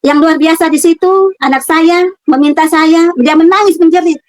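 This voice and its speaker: A middle-aged woman giving a personal religious testimony in her own room, earnest and halting, repeating words and reaching for fillers. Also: very high-pitched, dry recording, low-quality recording.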